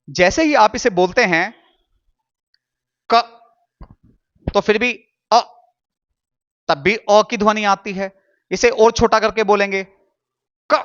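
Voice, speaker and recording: एक पुरुष शिक्षक जो कक्षा में धैर्य से पढ़ाता है, बातें दोहराता है और अक्षरों को धीरे-धीरे अलग करके बोलता है।. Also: male voice, sits high, fairly bright tone, muffled recording. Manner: patient, repeats and spells out syllables slowly. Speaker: Hindi teacher. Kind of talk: classroom lesson.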